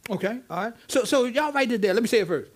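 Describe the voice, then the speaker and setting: A man's voice: very high voice, lively intonation, fast talker, breathy edge. A man, a pastor, teaching interactively in a church, stammering and repeating "okay" as he draws answers from the congregation. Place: church sanctuary.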